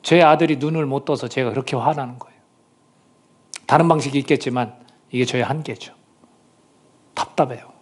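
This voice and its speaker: A middle-aged man preaching a sermon as pastor, earnest, swinging between loud pleas and hushed near-whispers. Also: a little high. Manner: acts out quoted voices of people and prayers.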